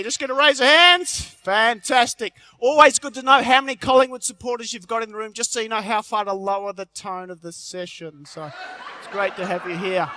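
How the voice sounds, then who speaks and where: A middle-aged Australian man works a big conference crowd with quick jokes and stories. His voice sits high and sounds bright and forceful. The sound is close and dry, with no room echo. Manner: jokey storytelling, punchy delivery. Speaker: motivational health speaker. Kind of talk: live conference speech. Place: large convention hall stage.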